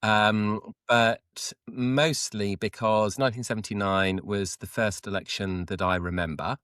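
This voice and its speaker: Man in his fifties, from the UK, podcast guest, measured, dry humor, lowish voice, close dry sound. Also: steady tone, fairly bright tone, dry recording. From United Kingdom. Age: 50s. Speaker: guest, school principal and author. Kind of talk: interview answers.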